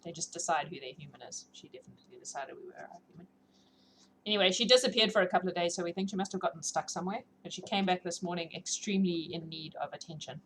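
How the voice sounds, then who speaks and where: Fairly low in pitch and quick in pace, the novel-reading streamer chats informally and gigglily with her viewers. She speaks with a mixed South African, British and New Zealand accent, and clear room noise fills the background.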